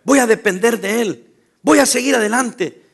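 A man's voice: extremely high pitch, moderate pace, creaky, breathy edge. A male pastor preaching a sermon, emphatic, posing call-and-response questions to the congregation and making teasing, scolding asides.

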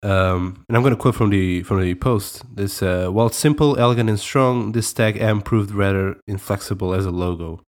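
Co-hosting a laid-back podcast, a young Portuguese-accented man from Portugal talks at a moderate pace with a lowish voice and hardly any pauses. He sounds relaxed yet hesitant and keeps breaking into laughter.

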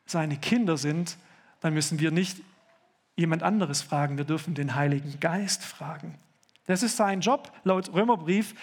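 A man preaching a sermon in a church service, earnest and slowing down to stress key phrases. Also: high-pitched. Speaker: pastor.

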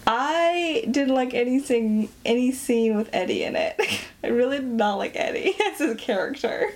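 A young woman hosting a casual podcast chat, talkative and quick to laugh. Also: a little high, expressive, a little mellow. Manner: chatty, giggly, quick to laugh. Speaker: podcast host.

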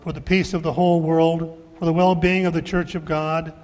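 A man leading church liturgy as pastor, praying in solemn, formal, measured phrases in a cathedral-like echo. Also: a little high, level tone, loud music behind the voice. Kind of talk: liturgical prayer recitation. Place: large reverberant church.

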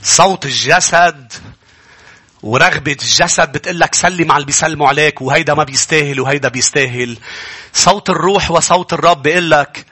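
A male pastor with a Lebanese accent preaching a sermon, swinging between low earnest tones and high emphatic bursts. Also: quick pace, bright, forceful tone.

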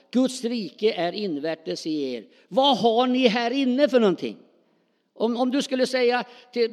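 A middle-aged man preaching a sermon, talking spontaneously and calling out questions to the congregation in a church hall. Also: high-pitched. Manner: animated, spontaneous, calls out to the congregation. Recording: long hall reverb.

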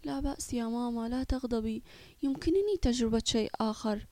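Hopeful young boy for a kids' story, high and lively; a woman puts him on. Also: quick pace, slightly rough, dry recording. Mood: gentle. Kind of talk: children's audio story.

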